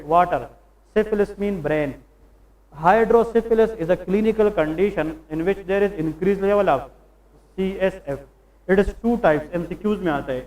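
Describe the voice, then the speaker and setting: High-voiced man lecturing, quizzing his class. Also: a little mellow, poor audio. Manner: quizzes students with questions and answers them himself; slows down to stress English terms. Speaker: medical lecturer. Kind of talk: Hindi-English classroom lecture.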